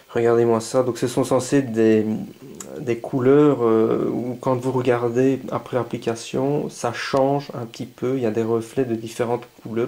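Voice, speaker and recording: Mellow-voiced man chatting through an unboxing. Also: medium pitch. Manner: chatty, enthusiastic, thinking aloud; reads labels aloud haltingly. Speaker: scale model hobbyist. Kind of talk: casual unboxing talk.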